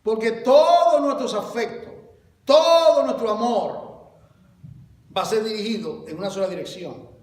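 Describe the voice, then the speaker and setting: A man preaching a sermon as pastor, swinging from loud exclamations to low confiding asides and calling his listeners brother. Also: measured pace, reverberant, recorded from a distance. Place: church hall.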